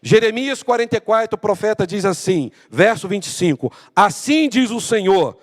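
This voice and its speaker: A man with a Brazilian Portuguese accent preaching a Bible-study sermon as pastor, reading scripture slowly and asking rhetorical questions. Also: sits high, lively intonation, big-room sound.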